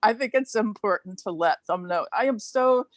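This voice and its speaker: A woman's voice: mid-range voice, normal speed, dry recording. A woman in her sixties from Ohio, a new club member, telling a heartfelt personal story on a video call, chatty and laughing between phrases. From Ohio, USA. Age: 60s.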